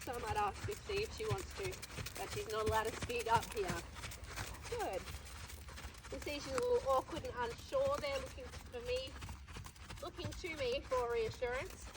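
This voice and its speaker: A riding instructor with a slightly high, congested voice coaches while on horseback, explaining her training to viewers at a moderate pace. Background noise can be heard.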